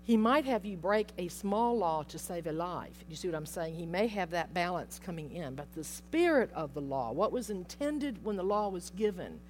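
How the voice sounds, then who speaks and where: A woman's voice: lowish voice, big pitch swings, normal speed, hardly any pauses, a little mellow, slight background noise. A middle-aged woman teaching a Bible study in an informal, chatty way, acting out quotes and laughing often.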